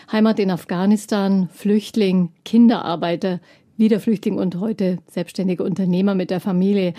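A woman hosting a podcast, reading a scripted intro and then interviewing her guest in a measured, articulate way. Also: medium pitch, dry recording, clean studio sound. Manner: measured, articulate, even-paced. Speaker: podcast host.

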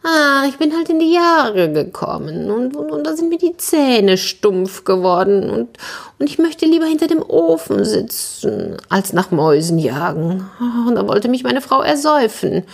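A woman's voice: on the high side, very animated, moderate pace, gravelly, pitched above the performer's own voice, exaggerated voice. A woman voicing an old, worn-out cat that grumbles and stammers through its complaints in a children's story. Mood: sorrowful.

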